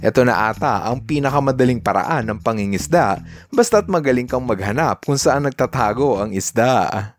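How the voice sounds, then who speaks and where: A man's voice: mid-range voice, lively intonation, normal speed, soft background music. Upbeat male narrator. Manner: upbeat, with Taglish asides and reactions. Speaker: host. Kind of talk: scripted voice-over narration.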